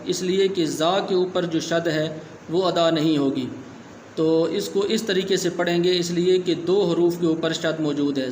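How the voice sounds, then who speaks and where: Patient man teaching slow, steady recitation. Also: high-pitched, roomy sound, slight background noise. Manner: patient, repeats each word slowly syllable by syllable. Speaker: Quran reading teacher. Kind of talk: spelled-out Quran reading lesson.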